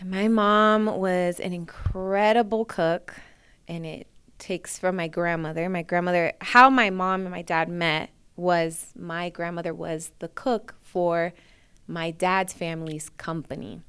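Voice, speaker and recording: A woman's voice: fairly low pitch, steady tone, unhurried, a bit bright, clear, resonant tone, no room sound. A woman from New York, a singer and interview guest, chatting casually and laughing often. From New York, USA.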